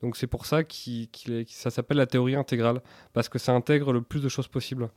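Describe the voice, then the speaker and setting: A man's voice: medium pitch, level tone, fast, darkish tone, no echo. A young man answers interview questions conversationally, candidly and with some hesitation as he thinks aloud. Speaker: interview guest, entrepreneur.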